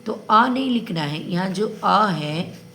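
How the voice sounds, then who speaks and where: Slow, gravelly-voiced woman teaching grammar. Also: mid-range voice, lively intonation, fairly bright tone, a little hiss or hum. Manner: slow, patient, repeats each ending to drill it. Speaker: Sanskrit teacher. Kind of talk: grammar lesson for children.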